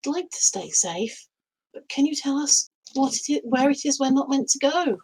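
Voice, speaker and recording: A woman playing a tabletop game, speaking gently and thinking out loud as she acts out her character. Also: high voice, lively intonation, normal speed, poor audio. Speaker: player. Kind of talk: tabletop role-play.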